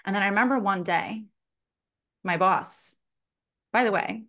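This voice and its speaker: Woman, sales consultant, animated storyteller, casual swearing, mid-pitched voice. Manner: lively, fast storytelling full of "like" fillers, with casual swearing. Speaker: sales consultant and podcast guest.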